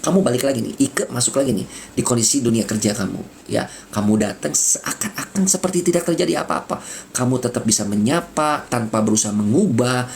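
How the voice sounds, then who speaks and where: A man's voice: medium pitch, lively intonation, fairly quick, gravelly, darkish tone, a little hiss or hum. A man giving casual spiritual coaching in a soothing way, repeating words and dropping in English phrases. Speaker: spiritual mentor.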